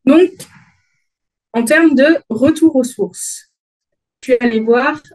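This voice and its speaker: A woman with a Dauphinois accent presents a conference talk from her slides. Her voice sits a little high. She is friendly and often hesitates, filling pauses and restarting her sentences. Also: darkish tone, poor audio. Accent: Dauphinois French. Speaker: conference speaker.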